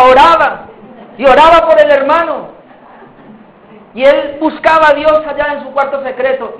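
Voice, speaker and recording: A male pastor delivers an emphatic sermon and keeps calling out to his congregation as brothers. His voice is pitched very high for a man. The sound carries through an echoey church hall. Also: fairly bright tone.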